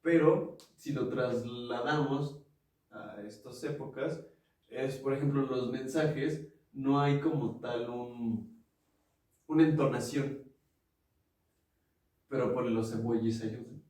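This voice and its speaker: A man's voice: mid-range voice, fairly even intonation, takes it slowly, pauses often, dark tone. A man with a Mexican accent co-hosting a casual podcast, explaining ideas with examples and acting out quoted lines. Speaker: podcast co-host. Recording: echoey room, mic at a distance.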